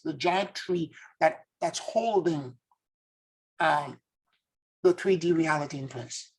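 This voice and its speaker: A Haitian spiritual teacher delivers an earnest, introspective monologue, searching for his words as he reflects aloud. His voice is high-pitched and gravelly, and the audio quality is poor.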